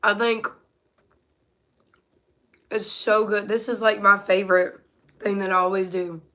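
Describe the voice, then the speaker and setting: A woman's voice: medium pitch, flat delivery, a little slow, fairly bright tone. A tired woman talking casually on a livestream while she eats, answering questions, her mouth sometimes full. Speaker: live streamer.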